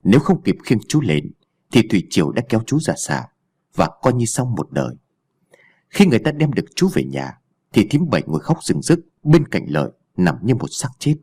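A man narrating an audio story with a dramatic, animated reading. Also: fairly low pitch, a little fast, slightly rough.

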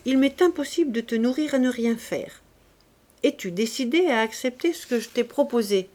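A woman's voice: fairly high pitch, animated, moderate pace, darkish tone, close to an everyday voice. A charitable young woman scolds the village poor in a firm voice that stays kind underneath, as a woman reading an audiobook gives her lines. She speaks with a storybook character's authority.

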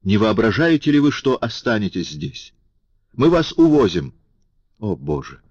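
A man's voice: lowish voice, big pitch swings, unhurried, darkish tone, slightly rough, no room sound, voice pushed up, exaggerated voice. A man reading an audiobook, voicing a passionate, grateful young man in a raised, exclaiming voice. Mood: indignant. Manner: impassioned, exclaiming, pleading. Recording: dull lo-fi audiobook recording.

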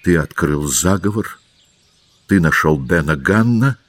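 A man's voice: low voice, lively intonation, unhurried, slightly rough, full character voice. A man voicing a grave, earnest old-school doctor. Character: kindly grave middle-aged man, a doctor. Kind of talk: audiobook character voice.

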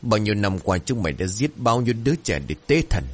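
A man's voice: fairly low pitch, very animated, quick pace. A man voicing a desperate village father who snarls threats to protect his child. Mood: furious.

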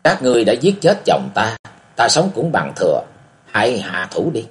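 A frightened village woman in her forties pleads in a fearful voice, as a male narrator puts her on. Her pitch moves in a lively way. She is a character in a martial-arts audiobook. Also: moderate pace. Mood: pleading.

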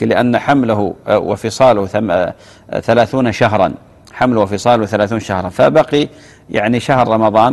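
A man's voice: mid-range voice, in a large hall. A man, a religious scholar on live TV reading out viewers' questions and answering them, often repeating his key phrases. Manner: reads out callers' questions, then answers with gentle repetition. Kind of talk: live TV fatwa Q&A. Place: television studio.

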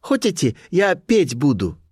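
A strange, mysterious young woman, as a male reader puts her on, with a high voice and clipped, broken phrases. She sounds teasing and elusive, with pitch that swings widely. The sound is close and dry, with no room echo. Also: huge pitch swings, unhurried, a little mellow, husky, exaggerated voice.

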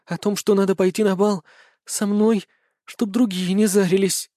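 A man's voice: high voice, flat delivery, moderate pace, dark tone, no echo, studio quality, voice pushed up, natural voice. A man reading an audiobook, voicing a bold, pushy young woman who leads a fencing club, in a raised voice. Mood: flustered.

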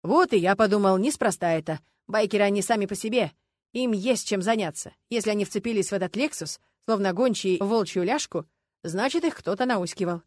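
Brief: woman narrator voicing a tired male police lieutenant, brisk matter-of-fact delivery. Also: medium pitch, dry recording, lightly acted. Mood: explaining. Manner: measured, matter-of-fact, sighing officialdom. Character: male traffic police lieutenant, dry, weary, ironic. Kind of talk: audiobook character reading.

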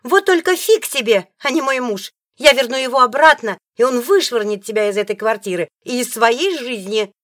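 A woman voicing a rude, bossy young wife who yells in a loud, shrill voice, in an audiobook. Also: big pitch swings, very slow, hardly any pauses, slightly rough, no room sound, clean studio sound, exaggerated voice. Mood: shrieking, furious. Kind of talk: audiobook character voice.

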